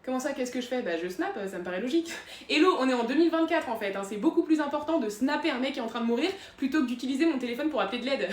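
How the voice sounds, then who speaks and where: A woman performing comedic sketch monologues, self-assured and deadpan. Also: sits high, racing, echoey room, a little hiss or hum. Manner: deadpan, self-assured, playing several characters.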